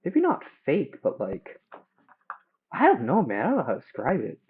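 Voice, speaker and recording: A young man chatting casually and haltingly while cooking at home, livestreaming through headphones used as a mic. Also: on the high side, huge pitch swings, breathy edge, phone-quality sound. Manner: hesitant, halting, self-questioning. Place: home kitchen. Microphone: headphones used as a phone mic.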